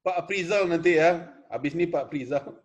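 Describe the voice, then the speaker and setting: Speaking fairly quickly in a fairly high voice, this West Sumatran man from Indonesia teaches an online class over a video call. He's earnest, tends to ramble, and frequently addresses students as "Pak."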